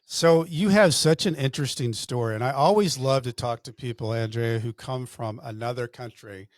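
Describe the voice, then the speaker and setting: A man's voice: mid-range voice, moderate pace, no room sound, studio quality. A man hosting an interview podcast, talking conversationally with fillers and restarts. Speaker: podcast host. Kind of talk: interview podcast with sponsor read.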